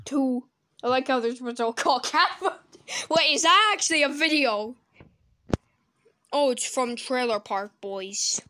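A woman's voice: high voice, measured pace. Blunt, crude-talking woman reacting to videos. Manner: blunt and crude, swearing, with sudden loud outbursts. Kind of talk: casual reaction commentary.

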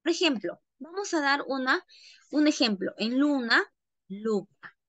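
High-voiced teacher, slow and dry. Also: female voice, lively intonation, fairly bright tone, no echo. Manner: checks in often with "¿ya?"; addresses students as "chicos". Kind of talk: online classroom lesson.

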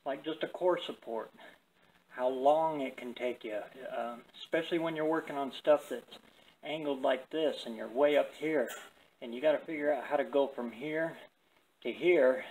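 A man in his sixties with slightly slurred, toothless diction, talking in a folksy, halting, rambling way as he vlogs from his car workshop. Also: mid-range voice, a little mellow. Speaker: car builder and vlogger. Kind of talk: casual shop vlog, talking while working. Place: cluttered metal garage workshop, indoors. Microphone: camera a short distance away, later handheld. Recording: clearly noisy workshop ambience.

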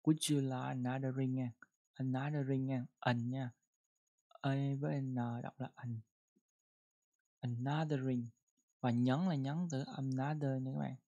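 An English pronunciation teacher in a casual online lesson, who repeats words and reads English example sentences slowly. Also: medium pitch, steady tone, dark tone, lo-fi sound.

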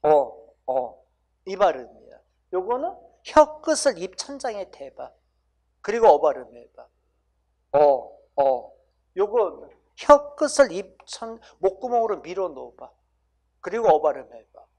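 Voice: mid-range voice, sing-song, moderate pace, a little mellow. An English grammar teacher giving an exam-prep lecture in casual speech, coaxing students to repeat sounds and constantly checking in with "right?". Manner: casual banmal, keeps asking students "right?".

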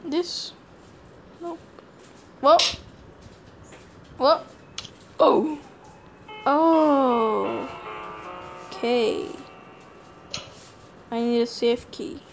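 A woman's voice: high voice, drawn-out words, pauses often, music in the background. A woman giving casual gameplay commentary as a scared horror game streamer, jumpy, exclaiming and swearing freely. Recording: clearly noisy home gameplay recording.

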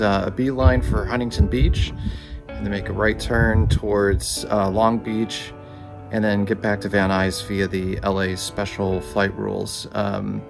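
A man hosting a casual flying vlog, introducing it in halting, unscripted phrases. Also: on the low side. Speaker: pilot and video host. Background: guitar music.

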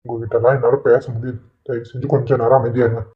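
A man's voice: medium pitch, level tone, fast talker, natural voice. A man voicing an exasperated adult son in a cartoon, answering his mother curtly and irritably. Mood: irritated. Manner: irritated, curt. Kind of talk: Tamil cartoon voice acting. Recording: tinny phone-like lo-fi audio.

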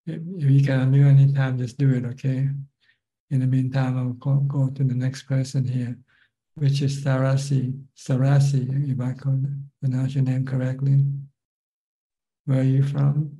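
An older Buddhist monk with a Thai accent, calmly explaining Dharma on a video call. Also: male voice, medium pitch, rough recording. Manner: calm, measured, plain explanations. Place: plain room, seated in office chair.

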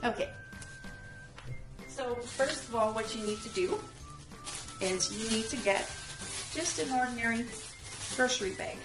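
A woman's voice: on the high side, lively intonation, a little slow, pauses often, reverberant, recorded from a distance, music in the background, poor audio. A middle-aged woman hosting a casual home how-to video, chatty with frequent ums, heard through old camcorder audio.

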